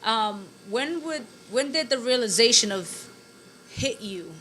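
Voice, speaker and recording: A woman co-host talks in loose, animated chat at a desk mic in a graffiti-walled studio. Her voice is a little high and bright, and she is quick to laugh. A faint room hum sits behind her. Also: low-quality recording. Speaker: podcast co-host. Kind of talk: casual chat.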